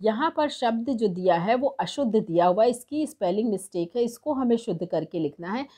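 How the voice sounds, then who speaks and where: A woman teaching as a tutor, explaining textbook exercises step by step and slowing down to read verses aloud. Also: fairly high pitch, expressive, warm tone. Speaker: Sanskrit tutor.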